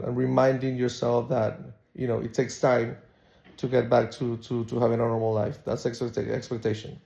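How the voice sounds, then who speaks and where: A man with a relaxed, mellow voice and a lot of vocal fry talks casually, as if updating viewers on a personal vlog. He is subdued and measured, and his sentences come haltingly as he searches for words. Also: medium pitch. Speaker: patient recording a recovery vlog.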